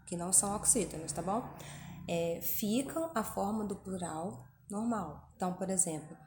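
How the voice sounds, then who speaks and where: A woman teaching schoolchildren in a recorded lesson. Her voice is mellow and unhurried, and she stretches out the example words and keeps checking in with her class. The sound is roomy, with a faint ambience behind her. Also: mid-range voice, slight background noise. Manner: patient, slows down over example words, checks in often. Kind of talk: video lesson explaining grammar rules. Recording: echoey room with faint ambience.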